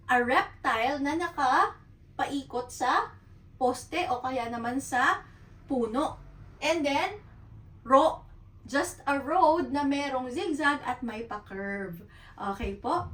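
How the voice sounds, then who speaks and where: In poor, reverberant audio picked up far from the mic, a Japanese teacher leads a beginner class in Tagalog and English. Her voice is high and a bit bright, and she patiently repeats points and checks understanding with "okay?"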